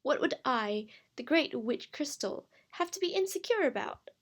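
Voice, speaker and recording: A woman's voice: sits high, lively intonation, normal speed, voice pushed up. A woman voicing a haughty, insecure young witch who protests indignantly.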